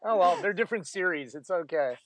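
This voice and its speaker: A man's voice: sits high, lively intonation, a little fast, a bit bright, dry recording. A man who narrates audiobooks, chatting casually in a self-deprecating way and often restarting his sentences. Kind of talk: casual conversation.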